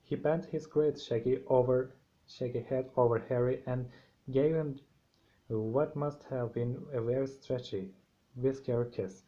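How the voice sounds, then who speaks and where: A man with a sore throat reading a novel aloud, halting, with frequent restarts and slips. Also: medium pitch, steady tone, warm tone. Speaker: amateur audiobook reader. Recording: dull lo-fi home recording.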